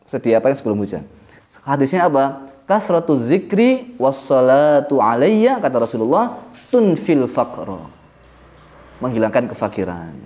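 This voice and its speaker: Man, lively pitch, religious lecture, jokey, recites Arabic. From Indonesia. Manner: lively, joking, switching between Arabic recitation and explanation. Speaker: Islamic teacher.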